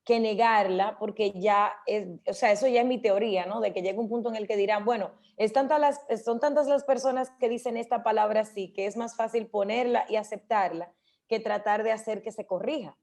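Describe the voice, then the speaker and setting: A woman on a radio show, chatting and explaining how to pronounce hard words, slowing down to demonstrate. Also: medium pitch, steady tone, creaky, darkish tone. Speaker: radio host. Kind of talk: casual radio talk about speech.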